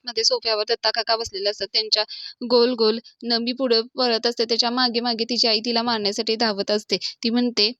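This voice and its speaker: A woman's voice: on the high side, level tone, quick pace, pushed and bright, dry recording. A woman giving a casual recap of a TV serial episode, reading out what each character says in turn. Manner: retells scenes by reading out each character's lines. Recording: dull dry lo-fi recording.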